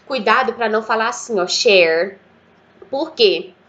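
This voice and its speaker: A woman with a Brazilian Portuguese accent teaches English in a casual, lively manner. She slows down and repeats words for her learners in a bright, forceful voice. The recording sounds a little dull and muffled. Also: on the high side. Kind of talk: casual online English lesson.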